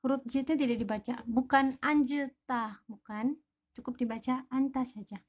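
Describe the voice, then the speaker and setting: A woman's voice: fairly high pitch, steady tone, normal speed, darkish tone, breathy edge. A woman teaching a language lesson, patiently explaining each example word one by one.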